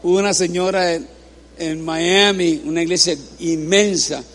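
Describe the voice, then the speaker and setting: High-voiced joking male preacher. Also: fairly even intonation, moderate pace, a bit bright. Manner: joking, playful, repeats phrases for the congregation. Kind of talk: humorous sermon. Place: church.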